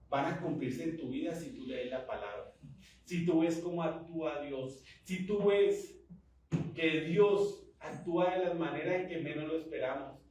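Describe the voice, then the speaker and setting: A man's voice: a little high, a little mellow, far from the mic. Man preaching in an echoey church hall. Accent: Colombian Spanish. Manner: preaching with rising fervor and call-and-response. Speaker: pastor. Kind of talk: sermon.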